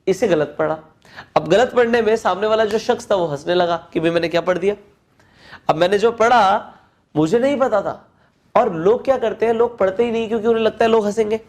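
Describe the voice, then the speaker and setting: A man with a Hindi accent and a voice that sits high gives a spoken English lesson. As an English teacher, he explains step by step and reads English phrases slowly aloud.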